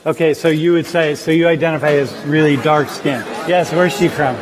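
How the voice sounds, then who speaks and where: A man's voice: on the high side, a little fast, a faint crowd. A man leading a class discussion in a large lecture hall, quizzing students with a handheld mic. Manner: quizzing, energetic questioning. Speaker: class instructor.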